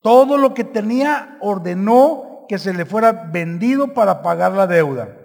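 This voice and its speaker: High, gravelly-voiced preacher man in a reverberant hall. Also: lively intonation, unhurried. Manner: prays softly, then preaches with call-and-response to the congregation. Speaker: pastor. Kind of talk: sermon. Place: church sanctuary. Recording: large hall with long reverb.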